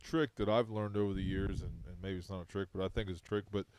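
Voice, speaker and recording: A man's voice: deep voice, steady tone, fast talker, darkish tone, slight background noise. A man co-hosting a fishing radio show, sharing tips in casual, rambling chat with many restarts.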